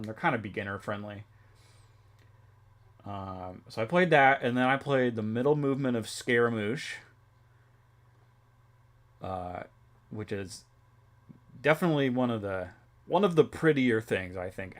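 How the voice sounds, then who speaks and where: A man's voice: on the low side, normal speed, long pauses. A young man livestreaming, chatting casually with viewers in a rambling way with lots of fillers. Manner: rambling, filler-heavy, reads chat aloud. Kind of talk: casual chat with stream chat.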